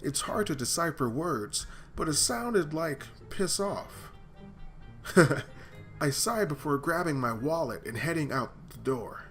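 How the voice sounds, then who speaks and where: A man with a fairly high voice reads a game's story aloud, acting out the lines and breaking off now and then for joking asides. Faint music plays under him. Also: lively intonation, moderate pace, hardly any pauses, fairly bright tone. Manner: dramatic reading broken by joking asides. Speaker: gaming channel host. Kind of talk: reading a visual novel aloud with asides.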